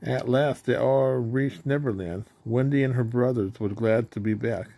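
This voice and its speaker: A man's voice: medium pitch, normal speed, gravelly, warm tone, dry recording. Man reading a children's storybook aloud. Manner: plain reading with slips and self-corrections. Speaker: storybook reader.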